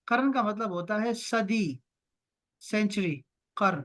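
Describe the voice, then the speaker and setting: A man teaching an online language lesson over a video call, repeating words slowly and drawing them out for his learners. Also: high-pitched, animated, a bit bright. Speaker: Arabic teacher.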